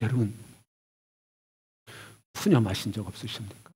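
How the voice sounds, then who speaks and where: A man, a pastor, preaching a sermon with expressive delivery, voicing God and Elijah in turn and swinging from hushed to loud. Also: on the low side, a little slow, husky.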